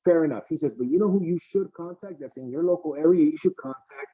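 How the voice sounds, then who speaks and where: A man's voice: on the high side, quick pace, warm tone, slightly rough, no room sound. A male podcast host introducing a guest over an online call, telling a story with enthusiasm and acting out the quotes. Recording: dull, dry online call audio.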